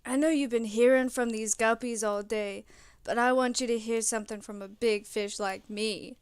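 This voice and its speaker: Woman playing a smug flirty guy idol, lowered voice, crisp, dry close sound. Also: steady tone, normal speed, no room sound, close to an everyday voice. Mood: smug flirting. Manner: slightly lowered put-on voice. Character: cocky swaggering male pop idol, smooth-talking flirt.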